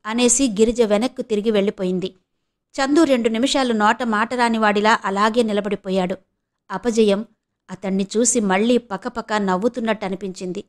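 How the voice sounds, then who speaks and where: A woman from Visakhapatnam, India, reading an audio novel in a steady storytelling manner. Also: fairly high pitch. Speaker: audiobook narrator.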